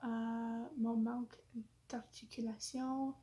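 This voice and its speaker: A woman talks slowly through a casual vlog, her French carrying an English-influenced accent. Her slightly high voice sounds mellow and flat in pitch. She pauses often on fillers and apologizes, self-conscious about how she speaks. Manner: hesitant, searching for words, many fillers. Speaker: vlogger.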